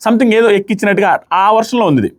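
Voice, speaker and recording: A man's voice: high voice, rapid-fire. A young man reviewing a reality show, giving emphatic, argumentative commentary and hammering the same points again and again. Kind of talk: opinionated commentary.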